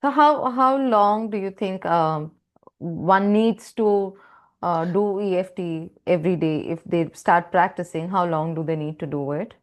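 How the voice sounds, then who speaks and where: Woman host with a lowish voice, attentive, quick to agree. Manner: attentive, frequent short agreements. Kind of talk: interview chat.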